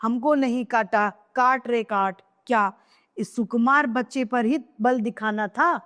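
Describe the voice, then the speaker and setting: A woman's voice: on the high side, slow, a bit bright, long reverb tail. Woman reading as a wailing grieving queen mother. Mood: grief-stricken. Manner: wailing lament, cries of hai.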